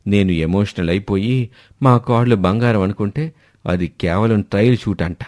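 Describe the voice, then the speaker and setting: A man's voice: lowish voice, moderate pace, a little mellow, no echo, studio quality, close to an everyday voice. Man doing a grumbling old father-in-law. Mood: fretful. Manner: whiny complaining, fearful asides. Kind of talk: animated storybook voice acting.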